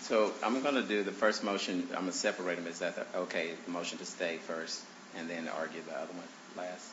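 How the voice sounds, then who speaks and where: Before a judge in a courtroom, a man argues his own motions haltingly, full of fillers and restarts, his voice congested from allergies. His voice is low and steady. A courtroom microphone on a stand gives a roomy, dull recording with faint hiss.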